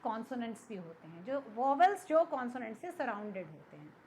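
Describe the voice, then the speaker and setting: Speaking a little fast in a slightly high, sing-song voice with a darkish tone, a female English teacher with an Indian accent patiently explains a lesson, asking and answering her own questions. She blends English words into Hindi, and there's a little hiss or hum in the audio.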